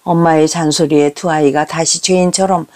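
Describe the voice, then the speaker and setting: A woman's voice: low voice, steady tone, normal speed, darkish tone. A middle-aged woman, a teacher and mother, giving a confessional storytelling talk and asking the audience rhetorical questions.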